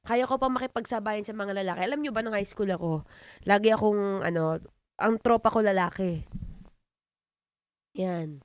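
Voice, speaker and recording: A young woman with a Filipino accent hosts a live radio show in a deep, low-set voice. She banters playfully with her listeners. The studio sound is close and dry. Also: moderate pace, pauses often, clear, resonant tone, no echo. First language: Tagalog. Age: 20s. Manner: playful, teasing, laughs often. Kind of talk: live radio chat reading comments.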